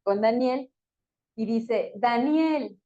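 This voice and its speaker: A woman's voice: a little high, moderate pace, a little mellow. A woman teaching a Bible story in a conversational way, with fillers and small laughs between phrases. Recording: dull lo-fi recording.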